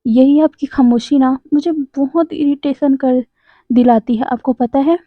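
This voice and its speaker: A woman's voice: high voice, fairly even intonation, unhurried, no room sound. A woman voicing a hurt young husband who pleads and accuses in turn. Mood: reproachful. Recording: dry, tinny phone-like sound.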